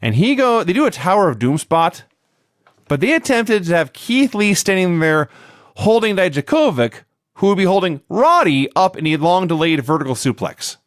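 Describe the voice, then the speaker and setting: A man co-hosting a podcast, recapping in casual chat with a sarcastic, animated manner. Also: high-pitched, normal speed, no echo, clean studio sound. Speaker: podcast co-host.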